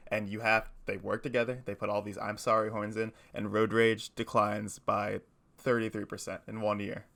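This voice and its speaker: A podcast co-host chats casually and playfully, rambling and laughing often. His voice is fairly low, gravelly and a bit bright, with a level tone at normal speed.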